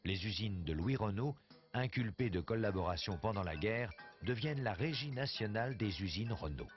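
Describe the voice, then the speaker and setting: A man's voice: on the low side, expressive, moderate pace. A man narrating a documentary from a script. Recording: dull soundtrack with faint music.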